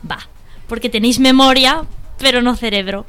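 Female comedy co-host, mocking banter, slightly high pitch. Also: steady tone, moderate pace, heavy background noise. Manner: teasing, needles the men. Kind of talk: joke-telling radio banter.

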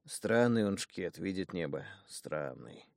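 A hurt young male bandit in an audiobook, voiced by a man, groaning and muttering with a hoarse edge. He sounds wary and shaken. The recording is dry and close. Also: deep voice, normal speed, no echo, lightly acted. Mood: uneasy.

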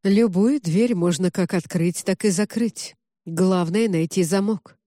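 A woman reading the part of a cold, composed middle-aged male cardinal inquisitor, who speaks calmly, slowly and with indifference. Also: fairly low pitch, dry recording, studio quality, lightly acted. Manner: calm, slow, indifferent.

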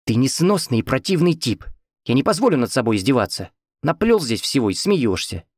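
A man's voice: medium pitch, very animated, fairly quick, darkish tone, dry recording, clean studio sound, pitched above the performer's own voice. Man voicing an indignant young wife. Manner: indignant, exasperated.

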